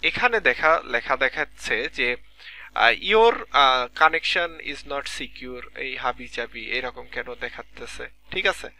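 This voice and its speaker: A lecturer with a Bangladeshi Bengali accent teaches a live online class through a computer mic, explaining things step by step and frequently checking in with students. He speaks slowly in a mid-range, bright, forceful voice.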